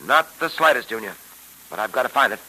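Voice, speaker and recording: An actor in old radio drama style playing a principled, stoic police detective with a crisp, authoritative manner. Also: male voice, medium pitch, animated, brisk, bright, forceful tone, poor audio. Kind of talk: 1940s radio drama acting. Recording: vintage radio recording.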